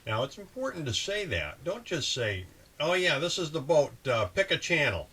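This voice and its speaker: In a relaxed instructional style, the host of a boating channel explains procedures and demonstrates sample radio calls. His voice is a little high at a normal speed, with a clear, steady ambient sound behind him.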